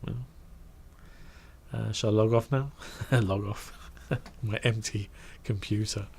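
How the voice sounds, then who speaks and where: Man telling a lively anecdote. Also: lowish voice, slow pace, gravelly, husky. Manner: animated, acts out quoted voices, trails off into asides. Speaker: guest recounting his career. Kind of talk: casual anecdotal storytelling.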